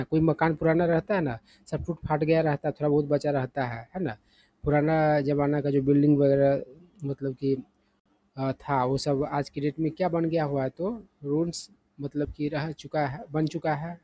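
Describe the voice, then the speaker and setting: A man's voice: a little high, dry recording. A man teaching English vocabulary, patient and repetitive, often asking the listener rhetorical questions. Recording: dull, lo-fi sound.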